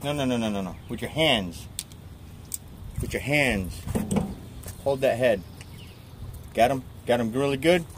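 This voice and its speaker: A man in his forties chats through his own fishing outing on a pier, unhurried and relaxed, often laughing. His voice sits at an ordinary pitch, and harbor noise with boat engines runs behind him. He is picked up by a camera outdoors. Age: 40s. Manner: easygoing, chatty, laughs often. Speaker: fishing vlogger. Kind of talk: casual outdoor vlog commentary.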